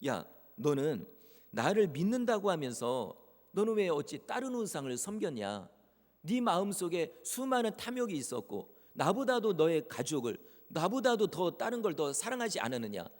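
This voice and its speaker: A man's voice: a little high, big pitch swings, normal speed, darkish tone. A man voicing a stern male God who rebukes sinners with pointed questions, in a reverberant church hall. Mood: stern rebuking.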